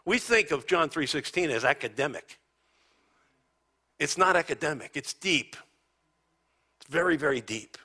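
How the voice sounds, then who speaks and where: A man preaching a conversational sermon as a pastor, telling stories and often dropping to a hushed near-whisper. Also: on the high side, expressive, moderate pace, long pauses, husky.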